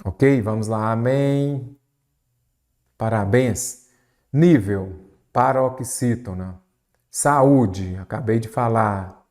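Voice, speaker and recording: A man teaching Brazilian Portuguese spelling for an exam, asking the viewer many quick rhetorical questions. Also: fairly low pitch. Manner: lively, varied pace, rhetorical questions to the viewer. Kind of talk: exam-prep lesson. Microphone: recorded for an online video lesson.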